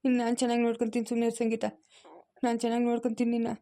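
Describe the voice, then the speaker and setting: A woman's voice: on the high side, monotone, very fast, warm tone, close to an everyday voice. A woman acting in an amateur family drama, coaxing and reassuring over and over. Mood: soothing. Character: soothing man, then a loving grandmother.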